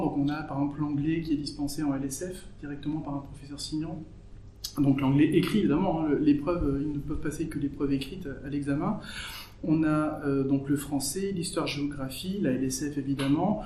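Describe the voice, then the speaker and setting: A man with a slightly high voice explains how he teaches, step by step and with frequent fillers. The room is echoey with faint ambience behind him. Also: fairly even intonation, a little fast, mellow, slight background noise. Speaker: teacher at a bilingual school for deaf students. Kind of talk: explanatory interview answer.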